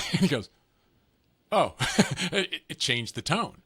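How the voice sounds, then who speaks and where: Bright-voiced male podcast host, chatty. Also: on the high side, expressive, breathy edge, no room sound. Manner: chatty, tags thoughts with "right?", tells quick anecdotes. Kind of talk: casual interview conversation.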